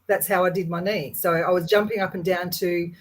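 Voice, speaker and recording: A woman telling a personal story in a casual chat, animated and full of restarts. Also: on the low side, fairly quick, rough recording. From Hungarian and Yugoslav background. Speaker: guest.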